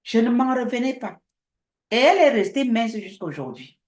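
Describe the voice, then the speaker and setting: A woman pastor preaching a sermon, telling a testimony with lively storytelling and acting out both sides of a conversation. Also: on the high side, normal speed. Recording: echoey room.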